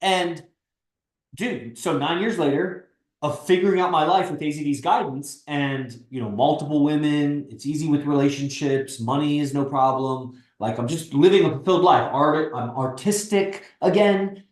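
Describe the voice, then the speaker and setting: A man's voice: on the high side, moderate pace, echoey room. A man in his thirties hosting a livestream, talking bluntly and persuasively and swearing freely. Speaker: stream host and coach. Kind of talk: casual livestream pep talk.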